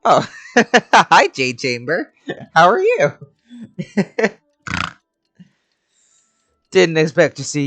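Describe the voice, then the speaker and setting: Over game music, a woman streams a video game and reacts out loud with casual, sweary commentary. Her voice is fairly low and slightly bright.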